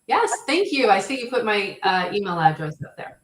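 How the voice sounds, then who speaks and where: A woman's voice: mid-range voice, very animated, moderate pace, a little hiss or hum. A woman with a mid-range voice speaks as a webinar guest, friendly and reassuring in a sales kind of way. Her voice rings in a roomy echo on a video call. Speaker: strategic accounts manager.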